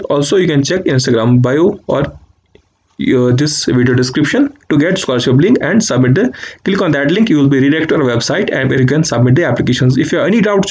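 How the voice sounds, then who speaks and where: A man's voice: fairly high pitch, a little mellow. A man hosting a channel, talking viewers through a screen-recorded walkthrough step by step, repeating short click-by-click instructions. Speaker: channel host. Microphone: voice-over over screen capture.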